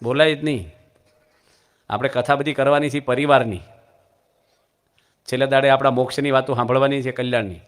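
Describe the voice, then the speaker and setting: A man's voice: medium pitch, steady tone, a little fast, pauses often. A man with a Gujarati accent giving a religious discourse, telling anecdotes with humorous asides to his audience. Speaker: monk preacher.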